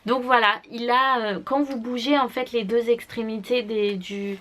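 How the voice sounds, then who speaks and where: A woman's voice: fairly high pitch, steady tone, moderate pace, fairly bright tone. A woman presenting a makeup palette to the camera in casual, gushing talk, full of restarts and fillers. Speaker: beauty vlogger. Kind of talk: casual makeup product review.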